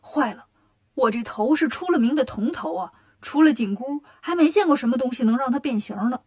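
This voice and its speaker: A woman's voice: sits high, animated, fairly quick, a little mellow. A woman voicing a bold, brash monkey king hero in a storybook reading. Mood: worried.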